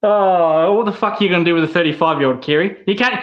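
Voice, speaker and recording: High-pitched man, echoey muffled mic. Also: fast. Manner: crude, rambling, self-mocking. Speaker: co-host. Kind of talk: casual sports podcast banter.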